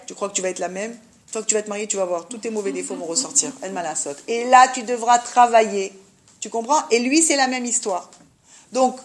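Higher-voiced woman teaching a religious lesson. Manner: French peppered with Hebrew terms; didactic, frequent check-in questions.

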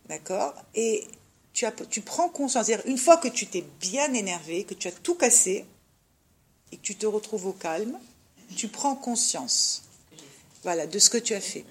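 A woman's voice: medium pitch, animated, a little slow, long pauses, a little hiss or hum. A woman teaching a religious class to a group of women. She talks animatedly and addresses her listeners directly with rhetorical questions. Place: unheated room with a group of women.

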